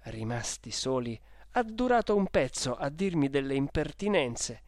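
A lively storyteller reading a first-person tale at a mid pitch. The recording is close and dry, with no room echo. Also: a little slow. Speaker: narrator. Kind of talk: audiobook narration.

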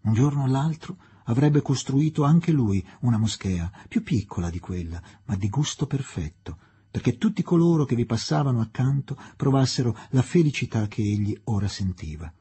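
A man reading an audiobook as narrator, telling the story in a measured, expressive way. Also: mid-range voice, husky. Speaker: audiobook reader. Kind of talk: scripted narration.

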